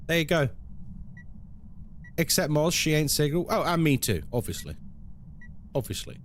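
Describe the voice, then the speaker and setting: A man's voice: fairly high pitch, animated, normal speed, slight background noise. A man chatting casually as a live game streamer, with playful, tongue-in-cheek banter and commentary for his viewers.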